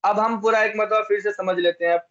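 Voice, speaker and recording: A man's voice: sits high, steady tone, brisk, fairly bright tone, highs cut off. A man from India teaching an English grammar lesson, repeating each example and asking and answering his own questions.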